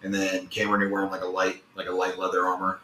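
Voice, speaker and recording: A man's voice: low voice, monotone, quick pace, sharp tone. A man narrating as game master for a tabletop game in a loose, rambling way with lots of fillers. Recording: echoey room with faint noise.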